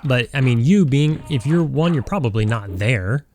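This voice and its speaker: Playing a game on stream, a Southern Californian man in his forties rambles casually, full of fillers and restarts. He has a mid-range, somewhat dark voice with lively intonation and a moderate pace, and a little hiss or hum sits under the recording.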